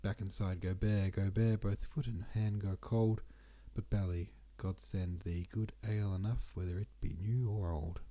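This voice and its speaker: A man with a fairly low pitch talks at a normal speed with hardly any pauses. He hosts a podcast of casual poetry reading, voicing old poems and chatting about them in relaxed asides while sounding stuffy and sniffly.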